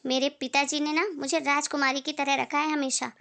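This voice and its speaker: A woman's voice: sits high, level tone, moderate pace, sharp tone, no room sound. A woman voicing a patient young daughter-in-law who speaks politely but firmly, in a moral story drama. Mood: indignant. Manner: polite, firm.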